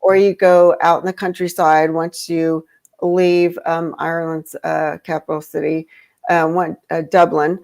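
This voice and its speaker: This woman grew up in Europe and is chatting casually as a podcast guest, rambling with plenty of fillers and restarts. She has a deep, gravelly, slightly mellow voice with little pitch movement and a somewhat slow delivery.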